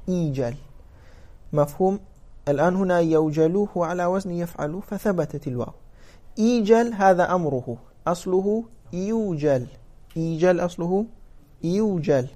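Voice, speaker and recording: Male teacher, fairly high voice, patient classroom explainer. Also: darkish tone. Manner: explains step by step, checks understanding with questions. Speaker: teacher of Arabic morphology. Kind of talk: classroom lecture on grammar.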